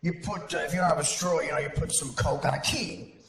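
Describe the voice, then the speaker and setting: A man's voice: on the high side, fast, creaky, fairly bright tone, faint music behind. A man telling a profane, self-mocking comic story on stage to a live audience, recorded in an echoey hall. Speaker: comedian. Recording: echoey hall with background noise.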